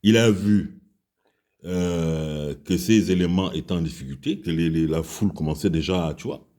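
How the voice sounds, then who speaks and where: A man's voice: deep voice, moderate pace, dark tone. A man from Gabon with a Gabonese French accent, telling an angry, crude personal story and speaking out against the country's leaders. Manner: heated, crude, repetitive storytelling. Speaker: commentator.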